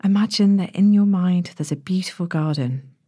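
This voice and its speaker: A woman narrating a sleep story as a guided relaxation, in a gentle, hushed and breathy manner with long pauses. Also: fairly low pitch, no echo, studio quality. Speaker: podcast host, sleep meditation narrator.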